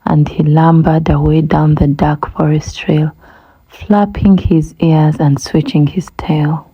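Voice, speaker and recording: Slow, husky woman reading a storybook. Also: low-pitched, fairly even intonation, dull audio. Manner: gentle, rhythmic rhyming narration, often breathy whispers. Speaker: storybook reader. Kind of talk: children's book read-aloud.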